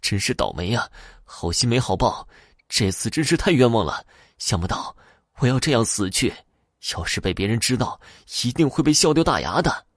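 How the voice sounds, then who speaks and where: Scared young guy pleading as a male storyteller voices him, voice jumps up high and rushes, lively. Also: dry recording, studio quality. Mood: lamenting. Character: frightened young man pleading his innocence.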